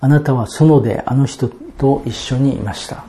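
A man preaching a sermon, explaining Bible verses in a measured, expository way and reading passages aloud. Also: mid-range voice, noisy background. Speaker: pastor.

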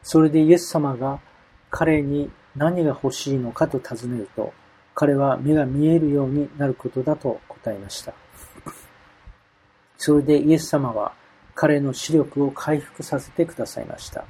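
Man, sermon, husky voice, mellow tone, measured reading of scripture. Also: fairly high pitch, poor audio. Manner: measured, reads verses aloud with emphasis. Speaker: preacher.

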